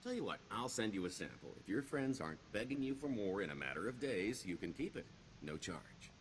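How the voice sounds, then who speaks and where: In video game dialogue acting, a smooth-talking male con artist speaks in a low voice that rises and dips with great expression, very animated and a little fast. He's sly, self-assured, glib, and ingratiating, working a wry, wheedling sales pitch. Light noise sits behind him.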